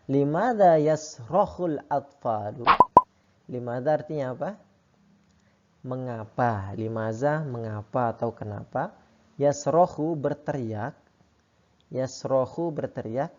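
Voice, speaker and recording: Man teaching slowly, dull lo-fi sound. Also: mid-range voice, dark tone, slight background noise. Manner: slow, drawn-out reading of phrases, then quick explaining. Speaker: Arabic teacher. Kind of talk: classroom lesson explanation.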